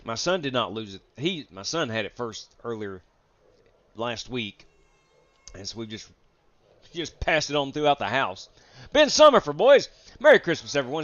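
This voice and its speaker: A man's voice: medium pitch, fairly bright tone. A man hosting a live sim racing stream, chatting casually with viewers while sick and feeling drained. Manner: chatty, greets viewers from chat, rambling with fillers. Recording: dull, lo-fi dry stream audio.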